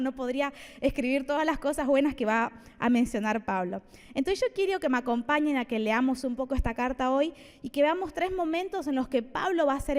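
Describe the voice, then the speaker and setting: A woman preaches in a high voice, keeping her sermon conversational and playful with asides to the congregation. Her voice carries a long reverb from the church hall. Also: darkish tone. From Argentina.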